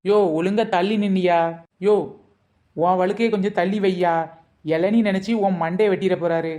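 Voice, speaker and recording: A woman acting as a sharp-tongued, cheeky seller's wife in a comedy skit. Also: mid-range voice, fairly even intonation, normal speed. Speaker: comic actor playing the seller's wife.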